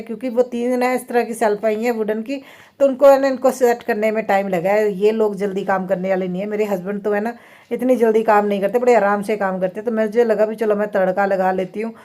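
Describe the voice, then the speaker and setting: A woman's voice: medium pitch, fairly even intonation, a little fast, dark tone. A woman homemaker chatting casually through a vlog in her home kitchen, talking on at length, laughing often and leaning on filler tags. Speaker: homemaker vlogger. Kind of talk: casual vlog chat while doing chores.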